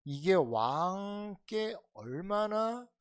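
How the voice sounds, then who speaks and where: 교회에서 강해설교를 하는 남자 목사로, 청중에게 질문을 던지며 대화하듯 설교하고, 크게 강조하다가 낮게 속삭이듯 말하기를 오간다. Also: male voice, big pitch swings, drawn-out words. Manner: conversational preaching with rhetorical questions to the congregation; swings between loud emphatic lines and soft low asides. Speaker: pastor. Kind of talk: expository sermon.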